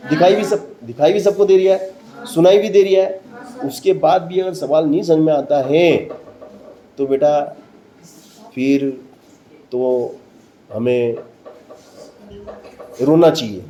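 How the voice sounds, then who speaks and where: Male maths teacher, classroom lesson, fairly high mellow voice, repeats and questions students. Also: rough recording. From central India.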